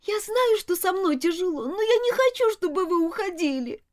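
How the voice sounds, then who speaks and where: A woman voicing a spoiled, willful little girl who whines and pleads in a high, swooping voice. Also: very animated, moderate pace, a little mellow. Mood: pleading. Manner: whiny and pleading.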